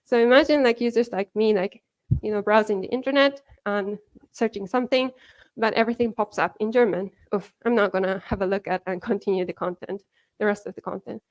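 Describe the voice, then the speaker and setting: Over poor audio, a Japanese woman with a Japanese accent speaks briskly in a mid-range voice during a conference talk in a hall. Her style is loose and talkative, filled with "like" and "you know," and she laughs frequently.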